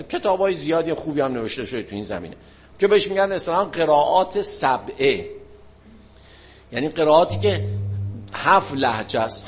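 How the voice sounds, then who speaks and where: Man teaching a casual religious lesson. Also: a little high. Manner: explanatory, asks and answers his own questions.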